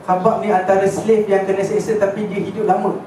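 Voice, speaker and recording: A man's voice: high voice, flat delivery, brisk. A man teaching a religious class as casual storytelling, chatty and often checking in with his listeners. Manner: chatty, checks in with listeners, mixes in English words. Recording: echoey hall, distant mic, faint noise.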